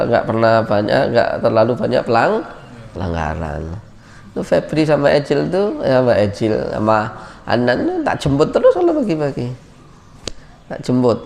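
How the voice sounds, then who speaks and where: A man teaching as a boarding school ustadz in a casual religious lecture, lively and teasing, loudly calling out students' names. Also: mid-range voice, creaky. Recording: long reverb.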